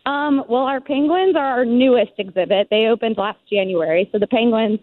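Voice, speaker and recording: A woman's voice: on the high side, a little fast. A young woman from Maryland chatting casually and in a friendly way as a caller on a phone. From Maryland, United States. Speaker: caller, aquarium scuba diver. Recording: narrow tinny phone line.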